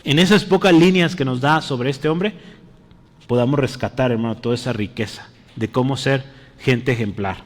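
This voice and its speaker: Preacher in a reverberant church. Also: male voice, mid-range voice. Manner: keeps checking in with the congregation, calling them brother. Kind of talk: interactive sermon.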